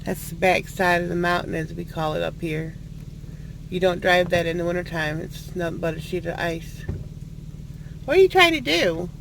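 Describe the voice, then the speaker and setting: A middle-aged man with an Appalachian accent and a creaky voice, chatting casually in a folksy, teasing way from a moving car. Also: high-pitched, moderate pace. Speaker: vlogger. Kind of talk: casual chat while showing the area. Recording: loud wind and vehicle noise.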